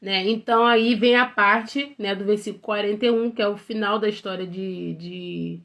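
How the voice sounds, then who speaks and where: A woman's voice: medium pitch, steady tone, normal speed, a bit bright. A woman teaching an informal Bible study to other women, retelling scripture conversationally with frequent tag questions and self-corrections.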